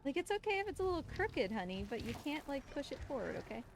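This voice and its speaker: With a high-pitched voice, big pitch swings and a fast pace, a woman speedrunning live for a charity marathon delivers casual commentary. She chides the game creature in a playful, exasperated tone over clearly audible game noise and ambience.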